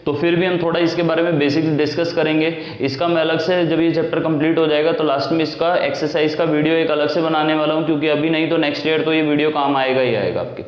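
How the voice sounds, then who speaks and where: A young man tutors math at a board, slightly high-voiced, walking through each step and putting questions to himself before answering them. The room rings with a long echo, and the recording sounds dull and lo-fi. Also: fairly even intonation, quick pace, hardly any pauses. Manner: explains step by step, asks and answers his own questions. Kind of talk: classroom lecture at a board.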